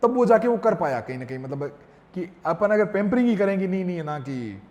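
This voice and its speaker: A man telling a lively family story on a podcast, acting out his own lines and his child's. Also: high-pitched, a little fast, highs cut off. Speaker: father talking as podcast guest. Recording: long reverb.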